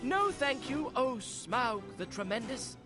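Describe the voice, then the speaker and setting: A man's voice: extremely high pitch, very animated, takes it slowly, heavily acted. A man playing a small, polite, plucky hobbit burglar in a video game, with an eager, theatrical delivery. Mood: flattering. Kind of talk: video game hero acting. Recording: music over the voice.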